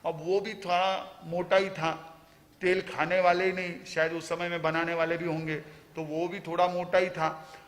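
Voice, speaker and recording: High-voiced monk telling a sermon story. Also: male voice, level tone, a bit bright. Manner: slow storytelling with frequent "आ" pauses. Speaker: Jain monk preacher. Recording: reverberant hall.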